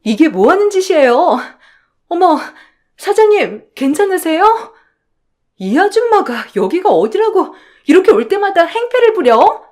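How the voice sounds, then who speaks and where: A woman voicing an outspoken young restaurant employee who loudly defends her boss. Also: extremely high pitch, big pitch swings, unhurried, pitched above the performer's own voice, heavily acted. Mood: indignant. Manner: loud, indignant defending.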